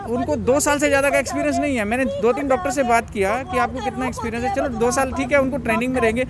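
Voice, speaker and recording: High-voiced man, agitated, crowd behind. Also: fairly even intonation, very fast. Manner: agitated, quotes others in dialogue. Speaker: relative of the deceased, interviewee. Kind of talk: testimony to a reporter. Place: outdoors at a cremation ground.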